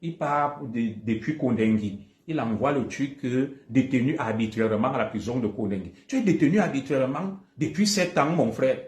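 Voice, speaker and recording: Speaking at a moderate pace with hardly any pauses, this man has a medium-pitched, darkish voice captured in a roomy space. He's a Cameroonian French-accented live streamer in a heated monologue, emphatically repeating his accusations again and again in a combative way.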